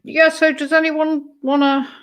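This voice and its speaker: A woman's voice: sits high, flat delivery, a little slow. A woman hosting a casual live stream, reacting to a clip and talking to her chat. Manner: chatty, reacting to a clip and reading chat aloud.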